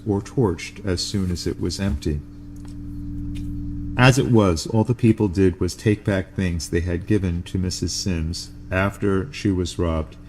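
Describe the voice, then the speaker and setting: A man with a very low voice reads a first-person novel aloud at a measured, unhurried pace. His delivery is steady, and faint noise sits behind him. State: sneezing from allergies. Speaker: podcast host reading a novel.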